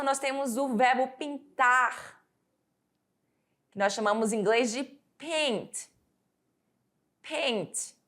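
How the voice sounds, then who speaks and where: Slow-paced Brazilian woman teacher. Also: high-pitched, a bit bright. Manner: slow, drawn-out word drills for students to repeat. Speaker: English teacher. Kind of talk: recorded classroom lesson.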